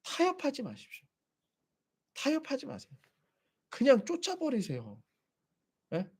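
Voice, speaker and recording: Animated Korean-language preacher, lively pitch. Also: male voice, unhurried. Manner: animated preaching, acting out quoted voices. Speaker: pastor. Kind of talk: sermon.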